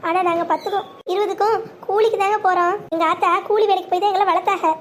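A woman playing a heartbroken young bride in a cartoon, voiced very high with a quick delivery. She speaks bitterly but firmly, proud and resolved. A faint background hiss stays under her. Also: fairly even intonation.

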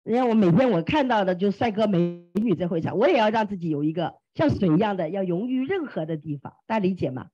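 A woman's voice: medium pitch, animated, quick pace, few pauses, mellow, soft background music. A woman from China speaking as a team leader in a motivational testimony to a classroom group, exclamatory and acting out quoted dialogue. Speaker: team leader sharing experience. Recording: dull lo-fi room recording.

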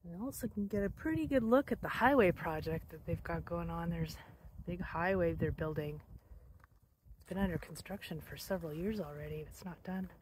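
Filming a hiking vlog on hillside forest trails, a middle-aged woman chats casually and musingly to a phone held at arm's length. Her lowish, slightly mellow voice moves at normal speed, and the rough outdoor phone audio carries background noise.

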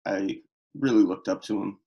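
A young man giving a solemn, halting, unprepared memorial tribute over a video call. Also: lowish voice, creaky, mellow, dull audio. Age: young adult. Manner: solemn, halting, struggling to speak. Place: small room at home, indoors. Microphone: video call, computer microphone.

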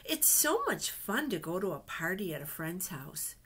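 Her voice sits on the low side and is slightly rough, very animated, and moving at a moderate pace. This middle-aged children's Bible storyteller reads picture books in a small office, using simple kid-friendly wording, chatty asides and gentle questions, captured by a desk-distance webcam.

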